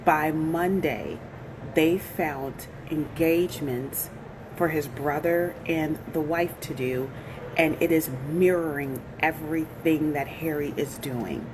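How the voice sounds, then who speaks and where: A woman's voice: low voice, slow, background noise. A woman ranting in a casual vlog, indignant and mocking as she speaks straight to her viewers. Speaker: royal news commentator.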